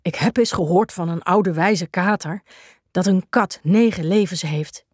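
Woman doing a big kindly storybook dog, calm and comforting, unhurried. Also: lowish voice, slightly rough, no room sound, clean studio sound. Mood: gentle.

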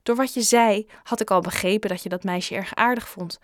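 A woman voicing a kind, gentle grown-up shopkeeper in an audiobook, coaxing and caring. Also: mid-range voice, fairly quick, dry recording, clean studio sound, natural voice. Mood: concerned. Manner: gentle, coaxing, sometimes lively. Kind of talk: audiobook character reading.

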